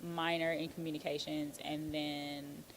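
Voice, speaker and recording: A woman from Houston, Texas, guesting on an interview as an attorney and author, answers casually in a low voice with a flat delivery and measured pace, sprinkling in many "um"s and "like"s. The recording is rough, with a little hiss or hum.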